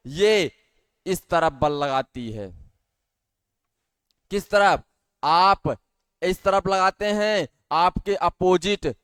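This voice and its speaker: Man, teacher, science lesson for kids, unhurried, asks and answers his own questions, dry close sound. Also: sits high, a bit bright, clear, resonant tone, no room sound. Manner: patient, asks questions and answers them himself; calls the students dear children often.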